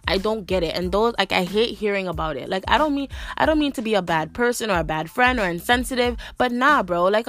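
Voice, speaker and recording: A woman's voice: medium pitch, a bit bright. A young woman hosting a podcast, ranting bluntly with lots of profanity and frequent "like". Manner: blunt, profane, repeats "like" often. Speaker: podcast host. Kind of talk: ranting monologue.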